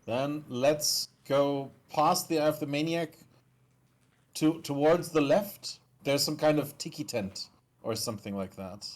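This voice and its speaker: A man's voice: on the high side, measured pace. A man talking casually with fellow players while streaming a game.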